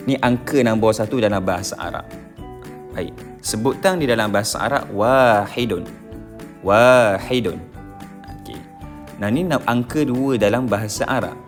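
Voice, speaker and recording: A man with a Malaysian Malay accent, a religious teacher giving a recorded slide lesson, slowly repeating each term and often checking his listeners follow. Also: mid-range voice. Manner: slow drilled repetition of terms.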